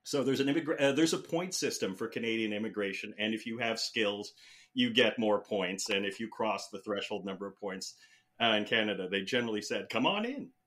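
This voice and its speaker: A man's voice: lowish voice, lively intonation, fairly quick, fairly bright tone. A man in his fifties from the Philippines, a guest telling his story in a rambling, chatty way with many fillers and restarts. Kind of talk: casual interview talk.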